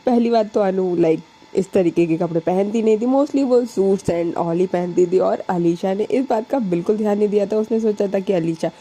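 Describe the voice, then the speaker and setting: A woman's voice: mid-range voice, moderate pace, dark tone, rough recording. A young woman narrating a love story in a chatty, casual way, mixing in English words and fillers.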